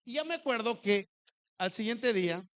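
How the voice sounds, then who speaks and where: A man preaching a sermon, telling a personal story with animated delivery and acting out the dialogue. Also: sits high, moderate pace, highs cut off.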